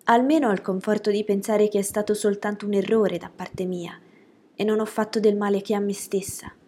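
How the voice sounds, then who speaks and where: A woman voicing a gentle young woman, a sweet and forgiving elder sister, speaking earnestly in a slightly raised voice. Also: medium pitch, moderate pace, breathy edge, close to an everyday voice.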